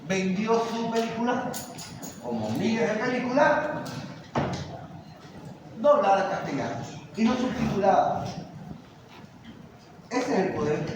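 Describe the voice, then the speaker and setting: Cuban-born male teacher, high voice, emphatic lecturing full of rhetorical questions; distant, very echoey classroom recording with noise. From Cuba.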